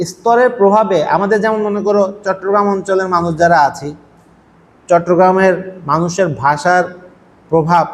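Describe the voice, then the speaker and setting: A man teaching a university language class, explaining patiently and asking his students rhetorical questions. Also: high-pitched. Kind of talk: classroom lecture. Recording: faint noise, long hall echo.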